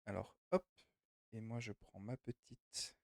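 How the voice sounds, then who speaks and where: A man's voice: on the low side, fairly even intonation, unhurried, creaky, no room sound. Dry-voiced chatty young man. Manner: chatty, rambling, greets and answers chat. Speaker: streamer. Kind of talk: casual game stream chat. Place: home room.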